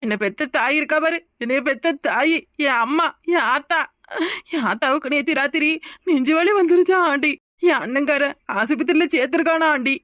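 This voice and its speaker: A woman's voice: high-pitched, brisk, a bit bright, dry recording, clean studio sound. A woman voicing a young cartoon daughter-in-law who pleads tearfully and slyly for money. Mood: pleading. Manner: tearful pleading, repeats "aunty". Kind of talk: cartoon voice acting.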